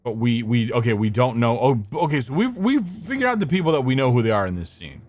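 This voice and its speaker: A man's voice: mid-range voice, big pitch swings, quick pace, darkish tone, no echo. A young man streaming a game, thinking aloud in a scattered way, swearing now and then and greeting his chat. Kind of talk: casual gameplay commentary.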